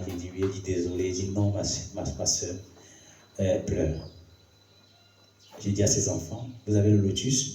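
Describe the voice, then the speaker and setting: A man preaching as a pastor, telling a story in a sermon, his voice dropping low and hushed, then climbing high and excited. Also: a little hiss or hum. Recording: roomy hall, voice from far off the mic.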